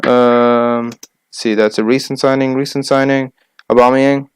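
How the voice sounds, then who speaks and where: Young male podcast co-host, smooth clear voice, dry close sound, rattles off names. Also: medium pitch, little pitch movement, no room sound. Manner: listing names quickly, argumentative. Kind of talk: casual sports chat.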